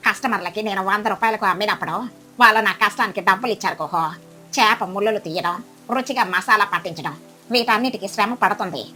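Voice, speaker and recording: A woman voicing a wise female crow in a cartoon, speaking low, steady and gentle. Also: fast, soft background music, close to an everyday voice. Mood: kindly. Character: calm wise older female crow cook.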